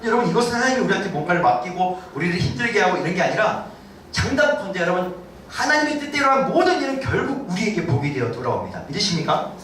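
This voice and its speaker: A senior pastor delivers his Sunday sermon in a high-pitched, fast voice, animatedly questioning the congregation and acting out what people say. The mic sits at a distance in a very echoey church sanctuary, with slight background noise.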